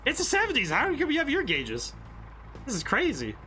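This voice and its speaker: A man giving excited, bemused, exclamatory commentary while playing a video game. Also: very high voice, brisk, a little hiss or hum. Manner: exclamatory, reacts aloud with ows and laughs. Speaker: game streamer, game designer. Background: game music.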